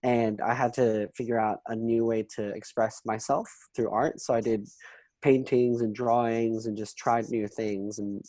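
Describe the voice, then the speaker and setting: A man's voice: fairly low pitch, mellow, no room sound, rough recording. A young man from Hong Kong, a photographer, answering interview questions in a loose, rambling way with many ums.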